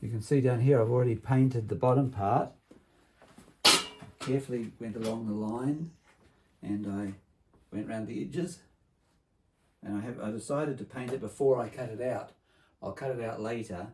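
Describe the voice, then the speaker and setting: A man presenting a workshop vlog to children as a builder, in a bright kids' party host manner, explaining things simply and checking in with tag questions. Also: medium pitch, normal speed, pauses often, a little hiss or hum.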